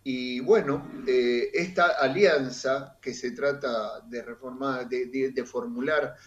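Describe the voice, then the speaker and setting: A man, a political analyst giving measured, emphatic commentary in an interview and often pausing on fillers. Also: mid-range voice, fairly even intonation, lo-fi sound.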